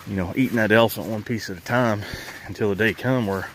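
A middle-aged man with a lowish voice, talking plainly and folksily as he films himself with a handheld phone. He rambles from one thought to the next while walking outdoors and driving his truck. A faint background hiss sits under his voice. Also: fast talker, a bit bright, rough recording. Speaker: vlogger. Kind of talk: casual walk-and-talk vlog. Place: outdoors on a rural property and inside a truck.

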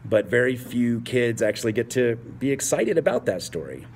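A man's voice: medium pitch, animated, moderate pace, a little mellow, slight background noise. Passionate man in his forties. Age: 40s. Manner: passionate, emphatic, with repeated phrases. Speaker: English teacher. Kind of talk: talk to fellow teachers.

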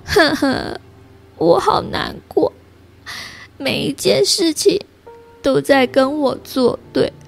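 A woman's voice: high voice, slow, vocal fry, pauses often, faint music behind, full character voice. A woman voicing a lonely, whimpering crocodile from a storybook, read to a toddler. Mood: tearful, sulky.

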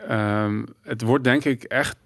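A man's voice: medium pitch, slow pace, no room sound, studio quality. A man hosting a casual podcast discussion, thinking aloud and repeating words as he searches for them. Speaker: podcast host.

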